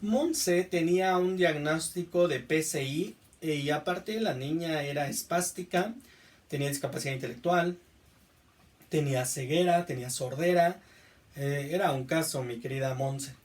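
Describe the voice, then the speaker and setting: A male teacher with a Mexican accent giving a classroom lecture, often checking understanding with a quick question. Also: on the high side, far from the mic. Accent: Mexican Spanish. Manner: repeats "¿estamos?" to check understanding.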